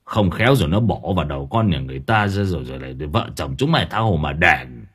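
A man voicing a gruff old village grandfather who grumbles and scolds. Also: rumbling low, animated, quick pace, fairly bright tone, pitched below the performer's own voice, exaggerated voice. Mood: grumbling.

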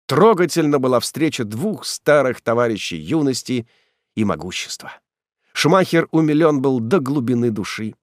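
Male audiobook reader, lively intonation, dry close studio sound. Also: medium pitch, normal speed, dry recording. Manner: expressive storytelling. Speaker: audiobook narrator. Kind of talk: scripted narration.

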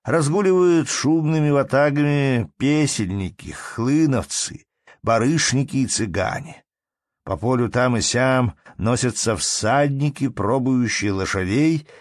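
A man reading a classic story aloud in a steady, measured way. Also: medium pitch, no echo, studio quality. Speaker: narrator. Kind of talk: audiobook narration.

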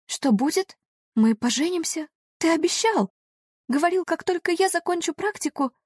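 A woman voicing a heartbroken young woman who pleads in a high, tearful voice. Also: lively intonation, moderate pace, darkish tone, no echo, studio quality. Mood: pleading.

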